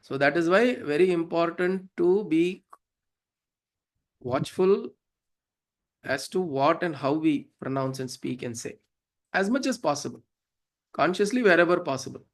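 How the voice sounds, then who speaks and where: A slightly high, animated male voice moves a little slowly, with long pauses. He is a South Indian-accented teacher of Sanskrit devotional hymns, explaining verses in a relaxed, teacherly way full of check-in questions.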